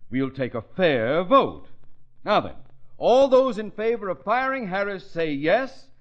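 An overbearing company boss in an old radio comedy. The voice is fairly high and animated, full of irritable sarcasm and pomp. It comes through a muffled vintage recording. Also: male voice, measured pace. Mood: pompous, sly. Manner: pompous, bullying, sarcastic. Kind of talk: 1950s radio comedy acting.

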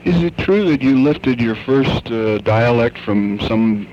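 A man interviewing, asking his questions haltingly with many fillers. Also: mid-range voice, animated, a little mellow. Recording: dull lo-fi tape with faint hiss.

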